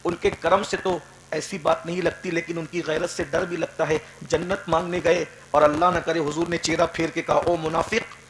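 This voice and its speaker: A man preaching an impassioned sermon to a gathering, building to shouted climaxes and slowly chanting verses. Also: a little high, flat delivery, a little hiss or hum, low-quality recording. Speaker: Islamic preacher. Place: gathering with a responsive crowd.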